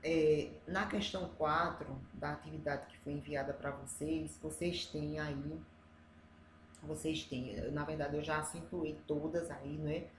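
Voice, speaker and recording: A woman's voice: low voice, fairly even intonation, measured pace. A woman teacher with a Brazilian Portuguese accent, going through review exercises step by step and often checking in with "né?". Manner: explains step by step, often adds "né?". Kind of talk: reviewing exercises for adult students. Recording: echoey room, faint ambient noise.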